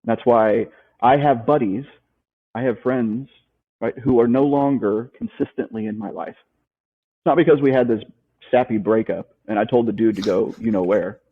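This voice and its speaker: A man with a mid-range voice talks at normal speed on a tinny phone-type line. He is a guest life coach in an interview, motivational and emphatic, going over his key points repeatedly and asking rhetorical questions.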